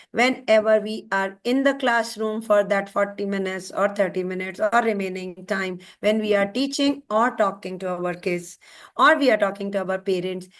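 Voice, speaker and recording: Leading an online class for teachers, a woman with an Indian English accent speaks with a medium-pitched, fairly bright voice. She puts emphatic stress on her words and repeatedly checks in with listeners using "right?"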